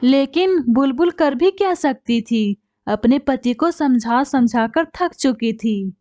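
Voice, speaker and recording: A woman's voice: sits high, animated, slow pace, dark tone, no echo. A woman narrating a cartoon story in a plain, explanatory manner.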